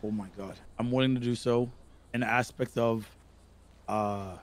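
A man who sounds drunk, earnestly and haltingly talking in character during a streamed role-play. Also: medium pitch, steady tone. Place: indoor streaming room. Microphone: boom-arm studio microphone.

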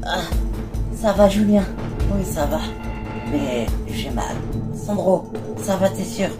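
A woman with a low voice and an unhurried pace performs every part in a homemade toy-figure drama herself. She jumps from one character voice to the next and lets out sudden shouted cries for help. Music plays steadily under her voice. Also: lively intonation. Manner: switches quickly between many character voices, bursts into shouted cries for help. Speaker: voice actor of a toy-figure series.

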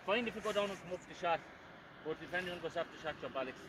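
A man on a small boat at sea, a diver talking in a quick, worried, casual way and swearing freely. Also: high-pitched. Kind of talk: casual chat. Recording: loud engine and wind noise outdoors. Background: boat engine and water.

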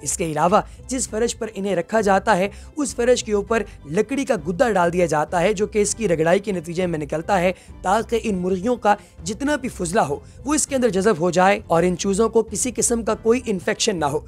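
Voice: mid-range voice, fairly quick, hardly any pauses. Narrator doing a scripted explainer voice-over, calls the listeners friends, faint music under it. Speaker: documentary narrator. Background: faint background music.

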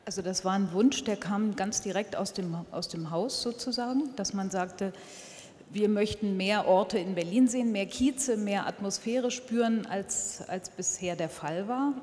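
A woman in her sixties, a TV editor on a panel, explaining in a measured way into a handheld mic on a convention stage. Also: medium pitch, a little mellow, a little hiss or hum. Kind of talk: panel discussion. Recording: long hall reverb, faint ambience.

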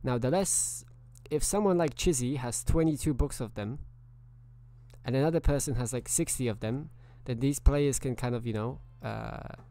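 A man's voice: medium pitch, normal speed, dark tone. A man streaming a video game live, chatting casually and greeting viewers by name.

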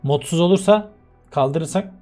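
High-voiced rambling young man gamer. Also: unhurried, mellow, soft background music. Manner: rambling, talks straight to viewers as friends. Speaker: gaming YouTuber. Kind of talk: casual let's-play chat.

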